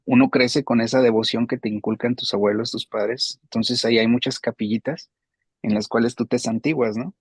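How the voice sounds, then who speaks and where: A man tells his personal testimony in conversation, earnest and emotional, circling back to repeat his words. His pitch sits in a middle register and barely moves, a flat, even delivery. The recording is dry and close, with no room sound. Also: moderate pace, breathy edge, dry recording. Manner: earnest, repetitive, emotional retelling. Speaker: guest giving a faith testimony.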